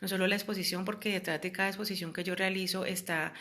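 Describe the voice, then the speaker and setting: A woman's voice: lowish voice, steady tone, quick pace, pushed and bright. A woman, talking earnestly and casually as a host, with many fillers and quoted voices. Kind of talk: casual talk about psychological abuse.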